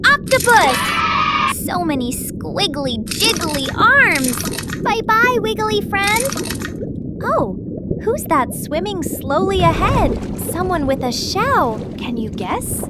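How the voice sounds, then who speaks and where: A woman's voice: extremely high pitch, sing-song, slow, very noisy, heavily acted. A woman voicing a cheerful young female sea captain who guides small children through a cartoon, gushing and sing-song with lots of exclamations. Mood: bubbly excited. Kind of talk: cartoon narration for toddlers. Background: loud children's music.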